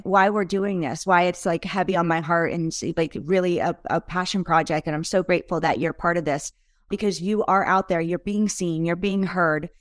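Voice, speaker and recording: An upbeat woman host who encourages her guest and her listeners. Her voice sits a little low, and the sound is dry and close to the mic. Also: dry recording. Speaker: podcast host. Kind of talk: casual interview chat.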